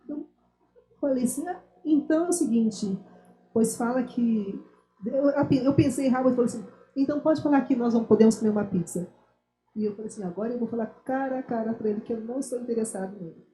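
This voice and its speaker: A woman's voice: fairly high pitch, quick pace, dark tone. A woman in her fifties telling a personal story in a chat, acting out the dialogue as she goes. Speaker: guest, missionary. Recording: roomy echo.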